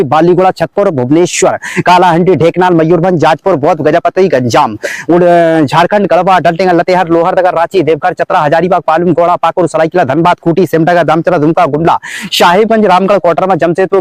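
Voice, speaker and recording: High-pitched young man rattling off a list. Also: darkish tone, no echo. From Madhya Pradesh, India. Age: young adult. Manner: breathless-paced rattling off of names, as if all in one breath. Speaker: memory record performer. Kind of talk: rapid memorised recitation of a list.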